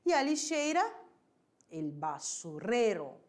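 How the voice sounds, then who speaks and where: A woman teacher with a Brazilian Portuguese accent, giving a recorded vocabulary lesson and repeating each word slowly and clearly for her pupils. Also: medium pitch, big pitch swings. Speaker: Spanish teacher.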